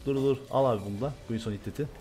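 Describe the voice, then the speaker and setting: A young man from Turkey commentating loudly and excitedly on his own gameplay, swearing and shouting at the game. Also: medium pitch, very fast, a little hiss or hum. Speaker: gaming streamer.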